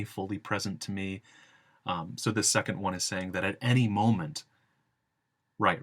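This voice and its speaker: A man giving an academic philosophy lecture in deliberate, emphatic phrases broken into short segments. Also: deep voice, a bit bright.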